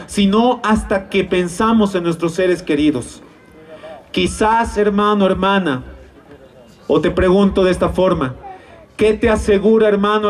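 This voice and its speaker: A man's voice: high-pitched, distant mic. A man preaching an evangelistic sermon in a church, posing rhetorical questions and calling his listeners brothers and sisters.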